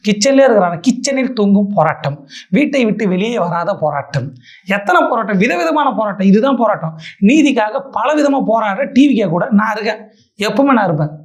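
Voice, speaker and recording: A woman's voice: mid-range voice, animated, fairly quick, darkish tone. A woman hosts a sarcastic political roast. She mocks her targets with a stream of rhetorical questions. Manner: mocking, full of rhetorical questions.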